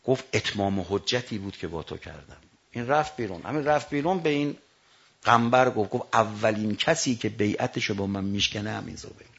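Gravelly man preaching a sermon. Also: lowish voice, muffled recording. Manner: swings from hushed storytelling to loud declaiming; slow drawn-out recitation of quotations. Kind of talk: sermon storytelling.

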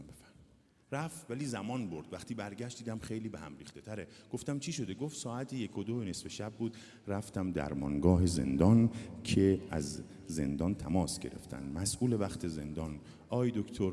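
A male preacher telling a religious story and chanting poetry, rising from a low storytelling voice to loud, impassioned calls to the crowd. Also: big-room sound.

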